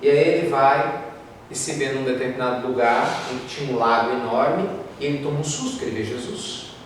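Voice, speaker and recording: A man from Brazil with a Brazilian Portuguese accent, giving a spiritist talk as a lively storyteller in a large lecture hall. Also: medium pitch, a little fast. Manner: lively storyteller, acts out quoted voices. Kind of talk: spiritist talk with told stories. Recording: echoey hall, distant mic, faint noise.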